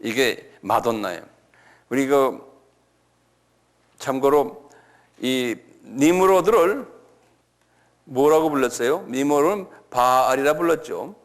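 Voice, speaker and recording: A male pastor giving a lecture-style sermon, repeating key words slowly and asking his listeners questions. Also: medium pitch, expressive.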